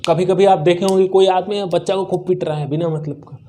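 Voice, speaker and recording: Indian accent वाला एक पुरुष अंग्रेज़ी शिक्षक, जो हिंदी में अंग्रेज़ी पढ़ाता है, बार-बार सवाल पूछकर ख़ुद जवाब देता है और मुख्य शब्द दोहराता है।. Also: male voice, high voice, steady tone, a little fast, dark tone. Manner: asks questions and answers them himself, repeats key words. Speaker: English teacher. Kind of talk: spoken English lesson in Hindi.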